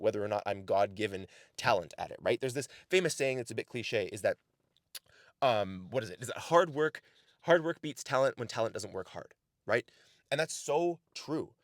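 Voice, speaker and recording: In a casual motivational talk to camera filmed in the snow outdoors, a Canadian man gives earnest, direct life advice, frequently tossing in "right?" and "the reality is." His voice is medium in pitch, with clean studio sound and no echo.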